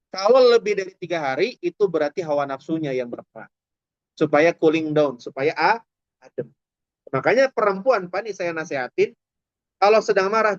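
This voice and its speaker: An Islamic preacher gives a humorous, chatty sermon, speaking straight to his audience. His voice is a little high with no echo, in a dull, dry lo-fi recording.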